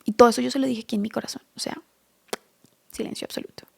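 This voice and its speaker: A woman softly whispering her personal faith testimony in an earnest voice, speaking straight to the viewer. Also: a little high, fairly even intonation, very fast, gravelly, breathy edge. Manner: hushed, mostly whispered storytelling; earnest, direct address to the viewer.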